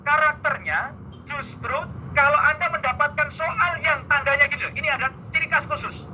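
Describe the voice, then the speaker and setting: A man's voice: extremely high pitch, moderate pace, pushed and bright, a little hiss or hum, rough recording. A man teaching an exam-prep math lesson, playful and teasing, talking back and forth with his students. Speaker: math tutor.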